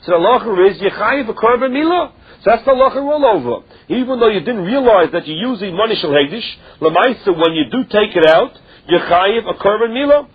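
A man's voice: high voice, animated, brisk, breathy edge. A man with a Yiddish-influenced accent giving a religious text lesson, reading phrases and explaining them step by step with questions and answers. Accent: Yiddish-influenced English. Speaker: Talmud teacher. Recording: dull lo-fi recording.

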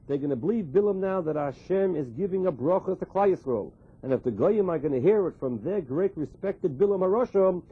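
Husky man teaching Torah, phone-like sound. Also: a little high. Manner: repeats and translates quoted phrases as he explains. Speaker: religious teacher. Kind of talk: Torah lecture, explaining scripture. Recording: muffled, phone-like narrow sound.

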